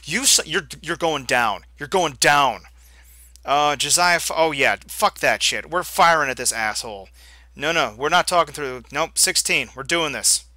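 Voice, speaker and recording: Man, gameplay host, reads story aloud, excitable, swearing, very bright voice. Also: fairly high pitch, a little slow, no echo. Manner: excitable, swearing, reacts loudly to choices. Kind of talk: reading a story game aloud with reactions.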